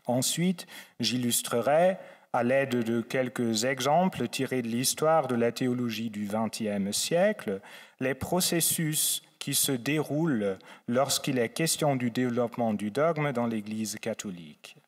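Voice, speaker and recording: A man from Saarland speaks with a German accent, delivering a formal academic lecture in a measured, courteous way. His pace is unhurried and his pitch sits mid-range. The hall adds a long reverb around his voice. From Saarland, Germany, on the French border. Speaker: guest lecturer, theologian. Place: large lecture hall at a faculty.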